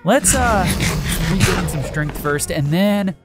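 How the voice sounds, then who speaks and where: A man giving casual gameplay commentary as a gaming video host, excitable and quick to exclaim and laugh. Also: high voice, over loud music. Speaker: gaming YouTuber.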